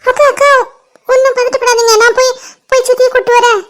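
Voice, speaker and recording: A woman's voice: very high voice, little pitch movement, fairly bright tone, a little hiss or hum. A woman voicing an anxious younger girl who keeps reassuring her sister in a cartoon. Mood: anxious soothing. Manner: soothing, hurried reassurance. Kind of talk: cartoon voice acting.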